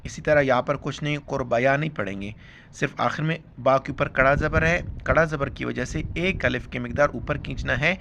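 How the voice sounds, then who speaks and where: A man teaching Quran recitation rules, explaining letter by letter and then reciting words slowly and drawn out. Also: medium pitch, creaky, a bit bright, a little hiss or hum.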